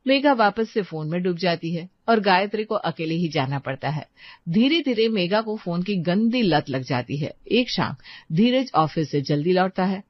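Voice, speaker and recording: A woman narrating a scripted cartoon story in a calm storytelling manner. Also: fairly low pitch, normal speed, no echo. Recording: dry, slightly dull lo-fi sound.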